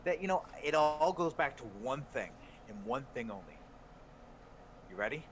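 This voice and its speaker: A man's voice: mid-range voice, lively intonation, moderate pace. Rambling, profane man in a noisy room. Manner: rambling, profane, laughs often. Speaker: podcast co-host. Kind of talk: casual chat.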